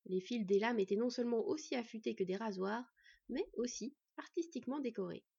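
Husky woman narrating a fantasy story. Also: fairly high pitch, fairly quick, mellow. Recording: dull lo-fi recording.

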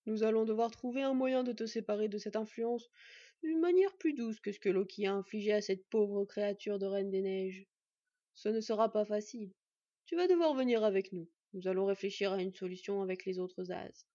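In a dry, dull storybook recording with no echo, a woman voices a grave, kind, soft-spoken old god with one eye. She reads in a mid-range voice that stays dark and mellow, lightly acted, measured, gentle and kindly.

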